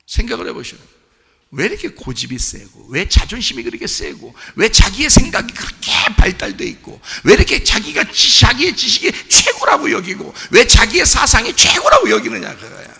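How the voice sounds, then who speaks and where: Man preaching, high raspy voice, lively swings up and down, echoey church. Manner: impassioned, swings from hushed to shouting; rhetorical questions to the congregation. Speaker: pastor. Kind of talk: sermon. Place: church sanctuary. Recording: long hall reverb.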